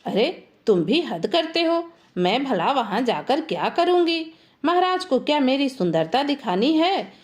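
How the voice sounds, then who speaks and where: A woman voicing a quick-tongued, teasing village wife who fires off questions. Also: high voice, very animated. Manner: rapid-fire questions, sarcastic.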